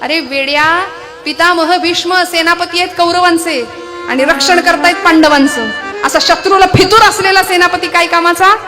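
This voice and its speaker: A woman preacher giving a devotional sermon with storytelling. She speaks in a lively way and keeps asking the audience rhetorical questions. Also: very high-pitched, moderate pace. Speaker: kirtan preacher. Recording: accompanying music behind the voice.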